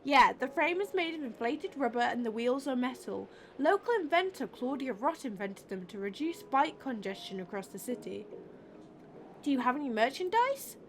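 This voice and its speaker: A woman's voice: high voice, big pitch swings, normal speed, slight background noise. A woman voicing a chatty, rambling small-town tourism officer in a game.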